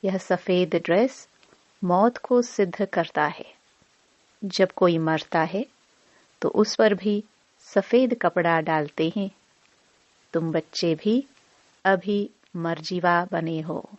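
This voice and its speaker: A woman reading a devotional discourse aloud in a slow, measured recitation. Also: fairly low pitch, no room sound. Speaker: murli reader. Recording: dry, dull lo-fi voice recording.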